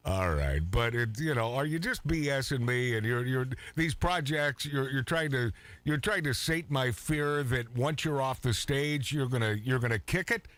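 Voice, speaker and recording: A man's voice: medium pitch, expressive, moderate pace, a bit bright, no echo. A man hosting a radio show, joking and teasing his guest. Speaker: radio host. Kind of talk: radio interview.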